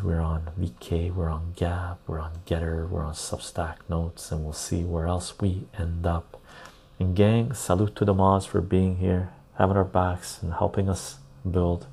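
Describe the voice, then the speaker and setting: A man's voice: deep voice, creaky, mellow, husky. A man hosting a casual live stream, chatting to viewers and repeating phrases for emphasis, recorded on a clip-on lapel mic. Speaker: live stream and podcast host.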